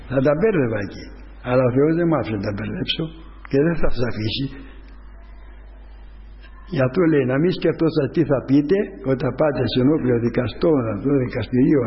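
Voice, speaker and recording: A man giving a rambling, fervent spoken testimony to a church congregation, full of restarts. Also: mid-range voice. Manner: rambling storytelling with many restarts, preaching fervently. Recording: dull sound with long hall reverb.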